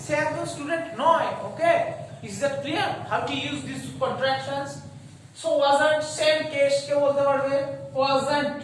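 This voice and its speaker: High-voiced woman teaching grammar in an echoey room. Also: slight background noise. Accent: Bengali. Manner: slows down and stretches English example words, fast in Bengali; asks checking questions like "okay?" and "is that clear?". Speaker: school English teacher. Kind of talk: grammar lesson mixing Bengali and English. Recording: echoey room, voice far from the mic.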